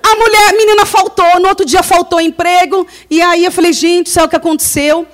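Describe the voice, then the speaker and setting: A high-voiced Brazilian woman preaches to a congregation and shares a personal testimony. She tells her story in an animated way, acting out the dialogue and often breaking into laughter. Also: a little fast. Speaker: lay preacher.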